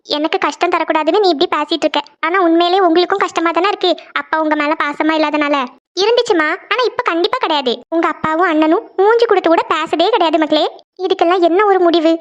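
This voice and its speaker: A woman's voice: very high voice, fast, highs cut off. A woman voicing a worried, sad middle-aged mother in a cartoon, talking in a weary, complaining way. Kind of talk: cartoon voice acting.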